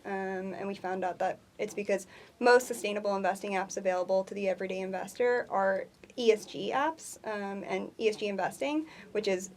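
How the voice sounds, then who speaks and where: A woman's voice: mid-range voice, a little hiss or hum. A woman who is a company co-founder, explaining things in an upbeat way during an interview, with many ums. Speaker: co-founder guest. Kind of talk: conversational interview.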